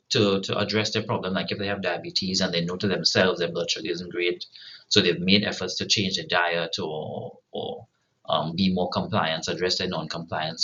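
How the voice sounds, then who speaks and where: A man's voice: low-pitched, pushed and bright, dull audio. A man giving a recorded lecture to students, often checking in with "right?" and restarting his sentences. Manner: frequent "right?" tag questions, restarts.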